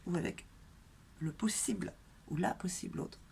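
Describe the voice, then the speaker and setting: Speaking hesitantly yet chattily straight to her viewers, a tarot reader and channel host delivers a casual reading outside in a light wind. Her fairly low, darkish voice has vocal fry and a moderate pace, and it sounds nasal and congested from a blocked throat as she coughs and clears it. The recording is noisy from the wind.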